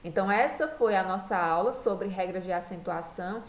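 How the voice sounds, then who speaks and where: Woman teaching slowly in an echoey room. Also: mid-range voice. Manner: slow, patient, spelling out each rule step by step. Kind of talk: recorded classroom lesson.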